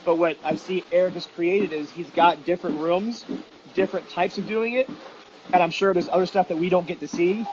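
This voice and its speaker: A man with a fairly high voice talks like an informal instructor in an interview. He explains emphatically, using questions and examples. The sound is dull, with faint background noise. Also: fairly even intonation, brisk. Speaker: dog detection trainer and instructor. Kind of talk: casual explanatory interview talk.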